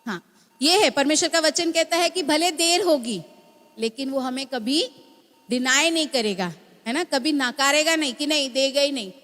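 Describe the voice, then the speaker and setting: High-voiced woman preaching in a church hall. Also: normal speed, fairly bright tone. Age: young adult to middle-aged, mother of a small child. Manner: teaching, asks the congregation "है ना?" often. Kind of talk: sermon. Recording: long reverb of a church hall.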